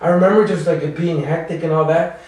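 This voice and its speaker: A fast-talking man with a slightly high, darkish voice and fairly even intonation, he's a comedian from El Salvador guesting on a casual podcast. His rambling, slangy storytelling is punctuated by frequent laughs. It's recorded in an echoey room on a distant mic.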